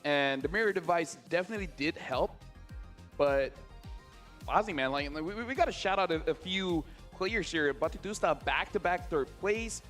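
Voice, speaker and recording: Male esports caster, high voice, excitable and emphatic live match calls, music underneath. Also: moderate pace.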